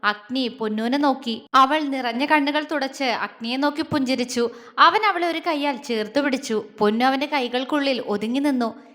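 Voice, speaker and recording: A woman narrating a romantic family audio story in an expressive storytelling manner. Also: high-pitched, moderate pace, big-room sound. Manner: expressive, voices every character herself.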